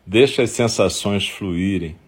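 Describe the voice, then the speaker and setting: Very deep, husky Brazilian man guiding meditation. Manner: unhurried instruction in short phrases with long pauses. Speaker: meditation guide. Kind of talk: guided meditation.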